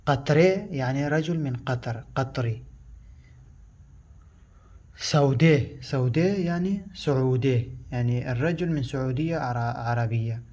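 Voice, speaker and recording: Husky man teaching a language lesson. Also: mid-range voice, darkish tone. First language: Pashto. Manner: slow, repetitive, halting explanation.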